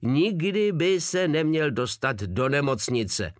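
A man's voice: a little high, very animated, no room sound, clean studio sound, voice pushed up. A man voicing a brash, crude, rowdy soldier who mocks and swaggers, with coarse speech. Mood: mocking.

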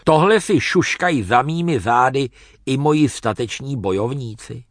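A man's voice: mid-range voice, expressive, no echo, studio quality, natural voice. A man voicing a bold young woman warrior who teases and needles with blunt questions. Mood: mocking.

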